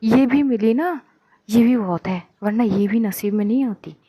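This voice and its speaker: A woman's voice: fairly high pitch, moderate pace, dark tone, slightly rough, no room sound. A woman voicing a teasing, coaxing young policewoman. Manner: pleading, teasing, insistent.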